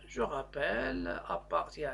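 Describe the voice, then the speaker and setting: A male maths teacher with a fairly high, husky voice explains a worked problem. He goes step by step, halting and hesitating as he builds the explanation, with a creaky edge to his speech. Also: big pitch swings, sharp tone.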